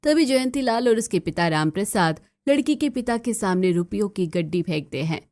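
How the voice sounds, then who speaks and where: Mellow-voiced woman narrating. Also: medium pitch, lively intonation, normal speed. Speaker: story narrator. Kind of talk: scripted narration.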